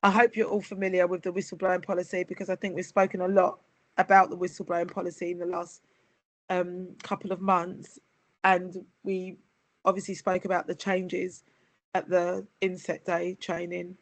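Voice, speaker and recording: A woman's voice: on the low side, little pitch movement, moderate pace, dry recording. A woman leading a nursery staff safeguarding training session over a video call. She reads policy text aloud and breaks off for chatty asides.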